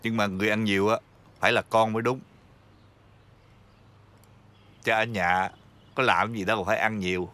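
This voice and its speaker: An actor with a Southern Vietnamese accent playing a poor, gentle blind father who talks softly and pleads when desperate, in a TV folk-tale drama. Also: on the low side, steady tone, fast talker. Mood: gentle fatherly. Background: loud background score.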